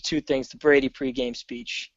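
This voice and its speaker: A man chatting casually as a guest, an excitable fan who rambles and restarts often, heard over a dull remote call. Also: mid-range voice, moderate pace, no echo. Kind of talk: casual sports chat.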